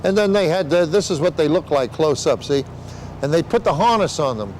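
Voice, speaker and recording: Older guy, kinda high voice, old showman patter, rambles and jokes, rumbly background noise. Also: animated, brisk, a little mellow, rough recording. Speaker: veteran sideshow talker explaining flea circus. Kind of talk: casual interview explanation.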